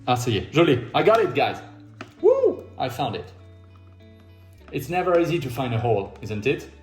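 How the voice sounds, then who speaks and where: Expressive and medium-pitched, this French-accented man hosts an RC model hobby video, walking through model assembly at a moderate pace. He jokes at his own expense and gives every step in two languages; soft background music plays in an echoey room.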